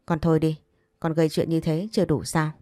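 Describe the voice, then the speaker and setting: A woman's voice: deep voice, level tone, fairly quick, warm tone, dry recording, studio quality, close to an everyday voice. A woman voicing a stern older father who firmly scolds his adopted daughter, in a narrated story. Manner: firm, admonishing.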